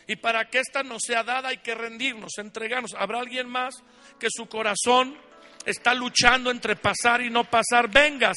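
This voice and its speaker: A man preaching as a pastor, leading an altar call, with fervent pleading that swings between loud appeals and hushed prayer. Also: very high-pitched. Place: church sanctuary.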